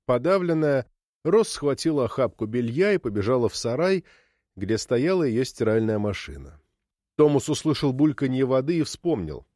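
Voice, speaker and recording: A man narrates a story with an expressive, lively pitch that rises and falls through the sentences. His voice sits in a middle register, recorded close and dry with no room sound. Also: normal speed, dry recording. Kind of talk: scripted narration.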